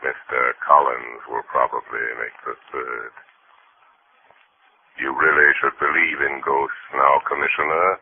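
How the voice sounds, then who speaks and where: An actor playing a mysterious unseen male avenger, speaking slowly and ominously in a husky voice, heard as an old AM radio broadcast. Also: little pitch movement, no room sound, full character voice. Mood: taunting. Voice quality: husky, deep. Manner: slow, ominous, taunting. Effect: old AM radio broadcast sound. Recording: tinny 1930s AM radio recording.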